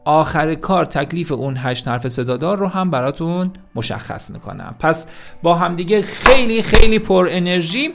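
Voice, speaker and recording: A man's voice: on the high side, big pitch swings, vocal fry, loud music behind the voice. A man teaching a language lesson with lots of energy, talking to his students directly and repeating key words for emphasis.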